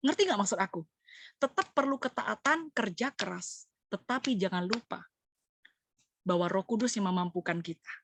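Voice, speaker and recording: A middle-aged woman leading a church cell group, preaching in a lively way, acting out quoted voices and mixing slang with English. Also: mid-range voice, normal speed, pauses often, a little hiss or hum. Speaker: cell group leader sharing a sermon.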